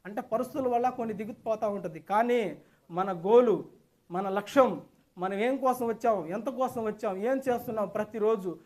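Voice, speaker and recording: A man's voice: high-pitched, normal speed, darkish tone. A man standing in a hotel meeting hall, giving an enthusiastic, repetitive testimonial to a class. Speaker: seminar participant giving a testimonial.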